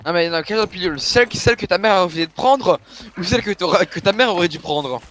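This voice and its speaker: A man chatting while gaming, swearing and teasing excitably. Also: sits high, quick pace, a crowd in the background. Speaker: gamer. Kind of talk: casual gaming chat.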